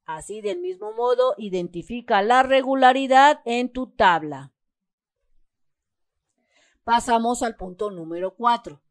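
A woman with a Mexican Spanish accent works through a schoolbook exercise step by step, reading example words and patiently stressing each syllable. Her fairly high voice is expressive and unhurried, she pauses often, and there is no echo.

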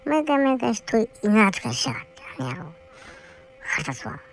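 A woman's voice: on the high side, big pitch swings, moderate pace, vocal fry, very noisy. A woman voicing a bored, whiny young male polar bear cub who rambles and grumbles to himself with a Kansai accent. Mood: bored grumbling. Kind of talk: comic character monologue.

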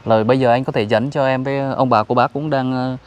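A man's voice: mid-range voice, fairly even intonation, quick pace. A man hosting an interview outdoors, politely asking questions and restating the answers back. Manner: polite, frequent deferential yes-words, paraphrases answers back. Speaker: host, charity vlogger interviewing. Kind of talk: casual interview. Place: outdoors at a rural cemetery.

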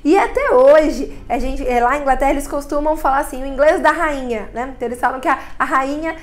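A woman from Brazil teaches English pronunciation in a relaxed, chatty way. Her voice sits high and bright. She keeps sounding out the vowels as she explains them. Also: fast talker. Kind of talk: casual video lesson.

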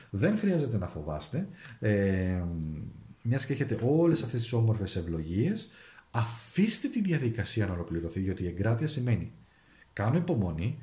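Greek male tarot reader, dark mellow voice, thinks aloud over each card. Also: fairly low pitch, reverberant. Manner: thinks aloud while drawing and reading cards, with restarts. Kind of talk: monthly tarot and zodiac forecast.

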